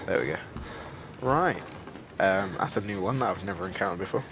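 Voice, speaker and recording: A man's voice: sits low, animated, a little fast, vocal fry, very noisy. A man giving casual, joking gameplay commentary as a streamer, chatty and self-deprecating with lots of fillers. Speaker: game streamer.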